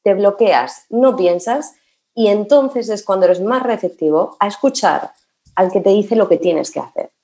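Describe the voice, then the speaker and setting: A woman's voice: medium pitch, dark tone. A woman, a guest in a casual conversation who talks emphatically and repeats words for stress. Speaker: podcast guest.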